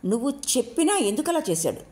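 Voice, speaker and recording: A woman's voice: a little high, very animated, a little fast, a little mellow, pitched above the performer's own voice. A woman voicing a perplexed husband who questions his wives earnestly in an audiobook. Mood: questioning. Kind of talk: audiobook role reading.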